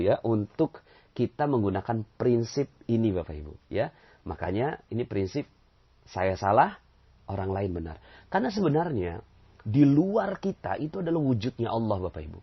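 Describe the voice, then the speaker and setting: A man teaching a casual sermon to a congregation, animated, often turning to address his listeners and sometimes dropping to a near-whispered mutter. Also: mid-range voice, creaky, husky, dull audio. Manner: animated, acts out quotes, keeps addressing listeners. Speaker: Islamic teacher.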